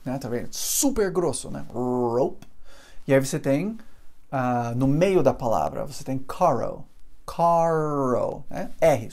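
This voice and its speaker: Unhurried teacher, man. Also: mid-range voice, darkish tone. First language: English. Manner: patient, repeats sounds slowly with drawn-out examples. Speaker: English teacher. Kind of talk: pronunciation lesson.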